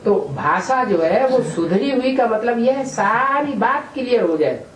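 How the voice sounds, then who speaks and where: Very high-pitched and animated, with a slightly bright tone, a man talks at a measured pace through a question-and-answer spiritual discourse. He illustrates with examples and asks his listeners rhetorical questions; the distant mic picks up a roomy space and faint noise.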